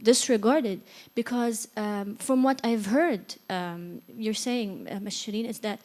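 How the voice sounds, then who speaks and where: A woman's voice: medium pitch, unhurried, darkish tone. A woman from Egypt asking a long, earnest question from the audience at a seminar, hesitating often with fillers.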